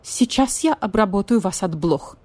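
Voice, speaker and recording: A woman's voice: mid-range voice, animated, moderate pace, a little mellow, natural voice. A woman voicing a stern, fussy vulture police officer who speaks in an indignant, clipped way.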